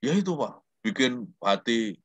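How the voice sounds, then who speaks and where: A man's voice: medium pitch, big pitch swings, measured pace, slightly rough, no room sound. A man voicing an aggrieved young male university student complaining about a friend's hurtful words.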